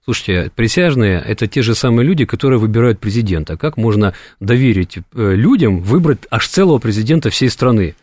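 A man's voice: mid-range voice, expressive, a little fast, few pauses, a little mellow, no room sound. Man on a radio panel, lots of ums and restarts, mid voice, dry studio. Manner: hesitant, many fillers and restarts. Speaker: studio guest, legal commentator. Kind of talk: radio discussion. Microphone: studio microphone.

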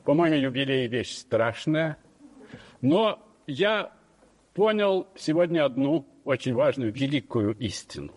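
A man of sixty giving a wry, gentle, measured speech at his own jubilee. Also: medium pitch, animated. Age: 60s. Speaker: jubilee speaker. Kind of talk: formal public speech. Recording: old archive hall recording with reverb.

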